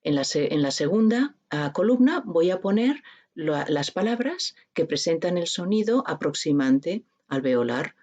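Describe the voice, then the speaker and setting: Husky-voiced woman lecturing with a Spanish accent. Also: on the low side, sing-song, measured pace, a little mellow. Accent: peninsular Spanish. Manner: explanatory, checks in constantly with tag questions; addresses students informally. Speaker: linguistics lecturer. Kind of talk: university lecture.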